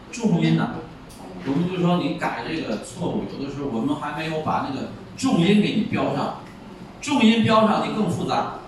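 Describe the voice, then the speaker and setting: A man teaching a Chinese class, explaining tones by slowly acting out example words. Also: high-pitched. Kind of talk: classroom lecture. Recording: echoey room, far mic, faint noise.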